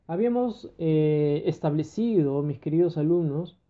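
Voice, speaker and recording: A man's voice: fairly high pitch, animated, unhurried. A man teaching a grammar lesson, walking through exercises step by step and checking in with his students again and again. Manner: addresses students fondly, checks understanding with repeated "ya". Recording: tinny phone-like audio.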